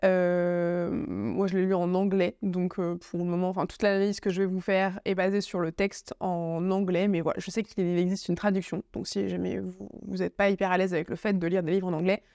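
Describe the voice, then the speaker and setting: A woman's voice: on the low side, little pitch movement, fairly quick, hardly any pauses, dark tone, no room sound, studio quality. A woman with a French accent talking to camera in her home office, chatty and full of fillers and restarts. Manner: chatty, many fillers and restarts, playful asides. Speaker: YouTuber presenting a book review. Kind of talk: casual talking-to-camera vlog. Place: home office with bookshelf, indoors. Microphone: camera facing her, laptop notes in front.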